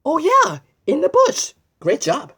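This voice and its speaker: Sitting high and a bit bright, this woman's voice swoops wildly as she reads a children's storybook aloud. She exclaims, asks the listener things and pauses as though hearing answers, often stumbling and repeating words while addressing the viewer.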